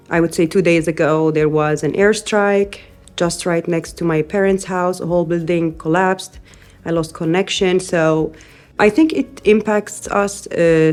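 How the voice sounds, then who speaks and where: A middle-aged woman from Syria, a native Arabic speaker, giving an earnest interview with frequent pauses and restarts. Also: lowish voice, a little mellow. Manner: earnest, thoughtful, frequent hesitations. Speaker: interviewee, newcomer parent. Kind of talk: interview testimony.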